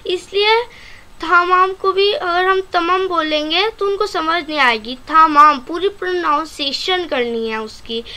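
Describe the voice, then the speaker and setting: A woman with a Pakistani Urdu accent gives an online language lesson, calling her viewers friends. She repeats each vocabulary word slowly and carefully in an extremely high, bright, forceful voice.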